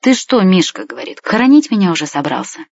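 A storyteller voicing a tired, gentle old grandfather who keeps sighing, in a husky, slightly dull recording. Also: mid-range voice, sing-song, fast talker, dry recording. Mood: weary. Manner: weary, sighing.

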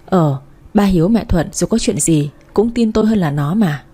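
A woman's voice: fairly low pitch, animated, normal speed, warm tone, husky. A woman narrating a story in the first person, in a sardonic, matter-of-fact manner. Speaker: audiobook narrator.

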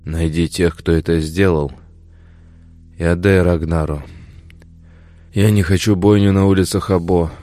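A man's voice: low voice, fairly even intonation, unhurried, pauses often, warm tone, dry recording. A man reading a weary, grave old prince. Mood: grim. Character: aging weary powerful male prince. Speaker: character in audiobook. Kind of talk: audiobook character voicing.

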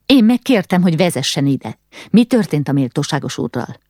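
A woman voicing a calm, capable young stable boy who explains things plainly. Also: low voice, no room sound, studio quality. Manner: calm, matter-of-fact.

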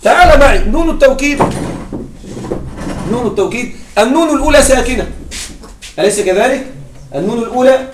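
High-voiced male grammar teacher, echoey room. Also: animated, background noise. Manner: asks the class questions and answers them himself; repeats key points slowly for emphasis. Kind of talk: classroom grammar lesson. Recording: echoey room, mic at a distance.

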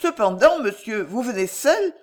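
Brief: woman playing an anxious young lady in a storybook, high and shaky. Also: big pitch swings, measured pace. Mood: alarmed. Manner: trembling, breathless. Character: young noblewoman, anxious and fragile.

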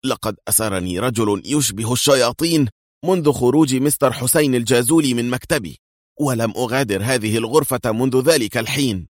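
A man's voice: medium pitch, fairly quick, no room sound, clean studio sound, voice pushed up, natural voice. A man doing a bewildered, polite captive man.

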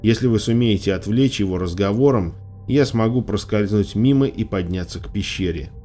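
A man's voice: on the low side, normal speed, mellow, faint music behind, lightly acted. Guy reading a story doing a stubborn little girl, pushy, voice nudged up. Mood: insistent. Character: stubborn determined young girl. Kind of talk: audiobook character voice.

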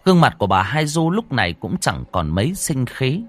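A man narrating a horror story in a dramatic, expressive storytelling manner. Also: medium pitch, fairly quick. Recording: dry close voice over faint music.

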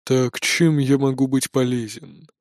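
A man's voice: mid-range voice, fairly even intonation, unhurried, a little mellow, dry recording, studio quality, lightly acted. A man voicing a weary, grumbling boss. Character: tired gruff middle-aged man in charge. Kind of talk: audiobook character voice.

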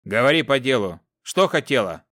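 In an audiobook, a man voices an arrogant male sylph elder, a commander who scornfully bullies his recruits, cutting them off with contempt and menace. His mid-range voice is very animated and a bit bright, at a normal pace, with clean studio quality and no room sound.

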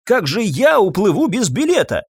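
A man voicing a frantic, disheveled middle-aged male professor who shouts indignantly. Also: sits high, big pitch swings, moderate pace, slightly rough, no room sound, studio quality, pitched above the performer's own voice, heavily acted.

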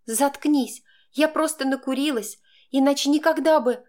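A scared young student snaps back at her tormentor in a high, breathless voice, torn between panic and defiance, as the woman narrator acts her out. Her retorts come out sharp and louder than the narration around them. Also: normal speed, close to an everyday voice. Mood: panicked.

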